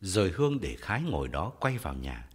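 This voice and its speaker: A man narrating a story in a measured, expressive audiobook style. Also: low-pitched, slightly rough, in a large hall.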